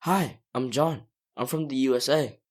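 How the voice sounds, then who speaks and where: A woman's voice: a bass voice, normal speed, darkish tone. A woman voicing a friendly American schoolboy in a scripted textbook audio dialogue, giving plain, simple answers. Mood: matter-of-fact. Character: friendly American schoolboy telling about his banjo.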